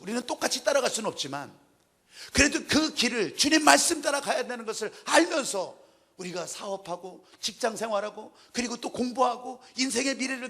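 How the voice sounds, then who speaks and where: A male pastor preaching with animated drama, acting out the scenes he tells. His voice sits high and bright, leaps across a wide pitch range, and has a husky grain. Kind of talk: sermon.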